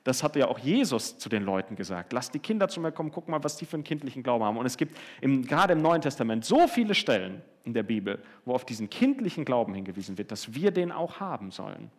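A man's voice: mid-range voice, big pitch swings, fast talker, hardly any pauses. A man giving an earnest sermon, speaking directly to his listeners with frequent tag questions. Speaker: preacher.

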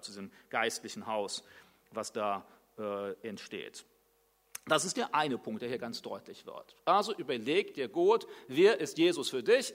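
A man's voice: medium pitch, a bit bright. A middle-aged man preaching a sermon in a conversational way, asking the listeners questions.

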